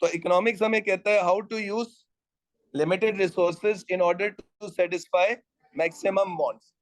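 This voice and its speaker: A man's voice: high-pitched, fairly even intonation, extremely slow. A man teaching an economics class, lecturing and quizzing students and teasing latecomers.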